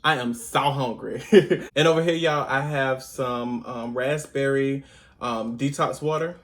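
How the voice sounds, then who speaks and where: A man chats casually to his viewers while he eats. He keeps calling them y'all and hums between bites. He talks at an ordinary middle pitch. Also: steady tone, measured pace, fairly bright tone. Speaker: mukbang vlogger. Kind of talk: casual eating vlog chat.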